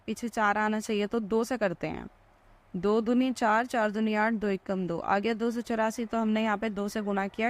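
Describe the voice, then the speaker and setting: A woman's voice: a little high, no room sound. A woman teaching maths, asking questions and answering them herself as she explains each step.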